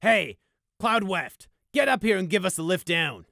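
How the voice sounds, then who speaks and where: A man voicing a brisk, commanding male pony lieutenant in an audiobook, curt and giving orders. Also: on the high side, animated, fairly bright tone, no echo, clean studio sound, pitched above the performer's own voice.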